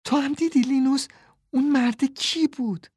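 A man voicing an excited young girl in an audiobook, calling out in alarm. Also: extremely high pitch, dry recording, clean studio sound, pitched above the performer's own voice. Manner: shouting excitedly.

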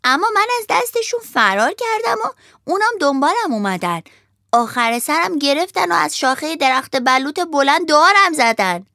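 Woman doing Pinocchio, bright high puppet boy. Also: big pitch swings, no echo, studio quality, full character voice. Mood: telling. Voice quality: high childlike voice. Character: wooden puppet boy, eager and fibbing. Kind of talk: storybook voicing.

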